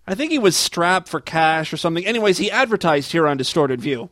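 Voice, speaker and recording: A man's voice: fairly high pitch, animated, a little fast, fairly bright tone. A man hosting a comedy podcast, giving casual, mocking and incredulous commentary.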